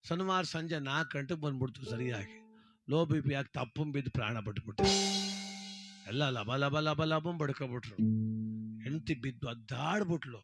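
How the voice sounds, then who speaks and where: A man telling a humorous folk tale in a lively, dramatic, conversational manner. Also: fairly high pitch. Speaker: storyteller.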